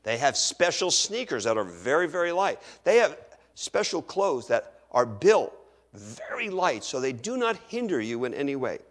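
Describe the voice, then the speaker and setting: Animated preacher man, lively pitch. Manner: animated, acts out listeners' objections. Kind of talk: sermon.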